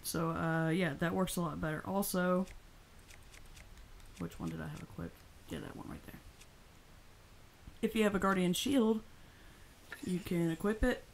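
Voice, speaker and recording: A woman's voice: on the low side, a little slow, creaky, pauses often, a little hiss or hum, poor audio. A woman hosting a casual let's-play, chatting and explaining game tips, often laughing and reading game dialogue aloud. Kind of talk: casual gameplay commentary.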